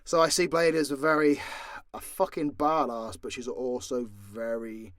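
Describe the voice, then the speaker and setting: Answering fan questions off the cuff, this British man, an audio drama creator and voice actor, is blunt, jokey, and quick to swear. His medium-pitched, slightly bright voice keeps a steady tone at a normal pace. The studio-quality recording has no room sound.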